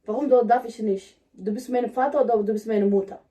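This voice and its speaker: Speaking a little fast with a warm tone, this Somali-born vlogger pranks her husband in simple, broken German. Her higher-pitched voice stays blunt and insistent through the casual home vlog chatter. A distant mic picks her up indoors at home.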